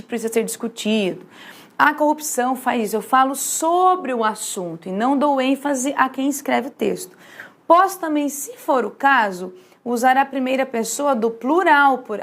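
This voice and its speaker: A woman teaching a writing lesson in a lively way, often checking in with her students. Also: high voice. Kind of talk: classroom lesson at a whiteboard.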